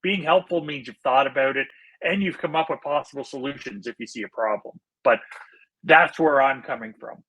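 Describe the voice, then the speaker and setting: A man's voice: mid-range voice, moderate pace, bright, forceful tone, low-quality recording. A man co-hosting a podcast in casual chat, explaining things in an earnest, easygoing way. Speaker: podcast co-host.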